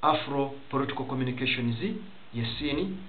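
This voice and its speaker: A young man from Rwanda talks straight to a webcam from a small office, delivering political commentary in a halting way, restarting and repeating phrases as he goes. The sound is thin and phone-like, with a faint hiss underneath. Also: mid-range voice, steady tone. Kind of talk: direct-to-camera commentary. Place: small office room indoors.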